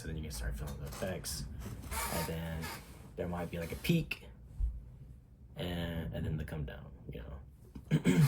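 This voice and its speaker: A young man with a deep, low voice talks loosely to his camera, stuffed up and congested from a cold. He rambles, drops fillers and casual swears, and a faint hum of room ambience sits behind him. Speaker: vlogger.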